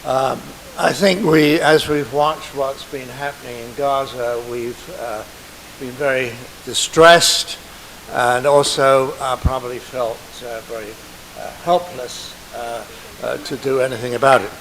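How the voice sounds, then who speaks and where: A man speaking to a church council meeting, halting and full of filler pauses as he presents a petition. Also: mid-range voice, steady tone, a bit bright, a little hiss or hum, poor audio. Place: meeting hall.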